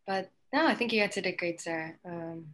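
A young woman moderating an online talk, reading audience questions in a relaxed, slightly hesitant way. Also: on the low side, a little fast. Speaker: event moderator.

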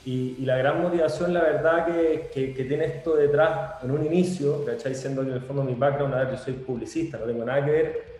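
A young Venezuelan startup founder with a Chilean Spanish accent chats casually as an interview guest over a video call from a room at home. His mid-range, slightly mellow voice is brisk and fairly even, with few pauses but plenty of restarts and slang, recorded in a very echoey room with faint music.

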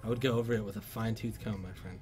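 A man's voice: on the low side, rapid-fire, husky, soft background music. Chatty man hosting a livestream. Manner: loose and chatty, bursts of loud excitement. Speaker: livestream host. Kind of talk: casual livestream chat, reading viewer comments. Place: PC workshop.

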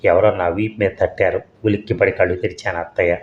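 Male narrator, audio story, monotone, low voice, dull recording. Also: fast, slight background noise.

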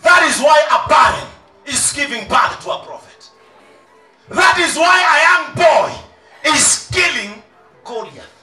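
A man in his thirties preaching in a large outdoor tent on a handheld mic. He tells stories and then shouts his sermon points. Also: very high voice, expressive, measured pace, recorded from a distance. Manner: switches from storytelling to shouted preaching. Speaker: pastor. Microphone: handheld mic, pacing the stage. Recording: roomy tent sound, off mic, faint music and crowd.

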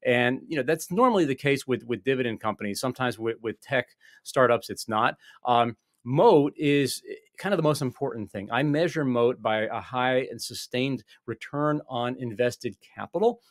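A man in his forties talks investing as a guest in a conversational video-call interview, restarting often and using many fillers. He speaks in a medium pitch at normal speed with few pauses. Set in a small wall-panelled office, his desk microphone delivers clean studio sound without echo.

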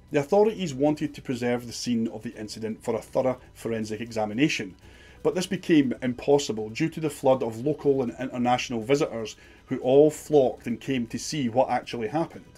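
A man's voice: mid-range voice, mellow, breathy edge. A man giving scripted documentary narration in a dramatic, suspenseful storytelling manner.

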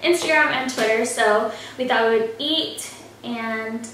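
A young woman with a fairly high voice talks over a meal in a relaxed way, full of fillers. She sits back from the camera mic in a very echoey room, with faint noise behind her. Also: measured pace, distant mic. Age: young adult. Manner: relaxed, chatty, with frequent fillers. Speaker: vlogger and hairstylist. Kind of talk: casual chat over a meal. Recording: roomy echo from off-mic.

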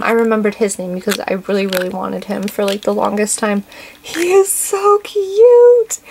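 A young woman hosting a casual toy unboxing, gushing and excitable, always saying how cute things are. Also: mid-range voice, noisy background.

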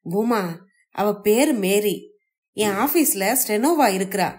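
A scheming young husband who coaxes and soothes with false gentleness, read by a woman in close to her own voice. An audiobook figure with a middle-pitched voice, smooth and sly. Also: lively intonation, slow pace. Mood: placating.

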